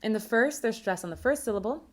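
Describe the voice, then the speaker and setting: A woman presenting a recorded academic conference talk on linguistics, explaining terms in a clear, measured way. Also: fairly high pitch, expressive.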